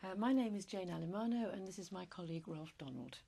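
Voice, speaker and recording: A woman examining candidates in a speaking test, asking scripted questions in a measured, formal and polite way. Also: on the low side, expressive, vocal fry, warm tone, slight background noise.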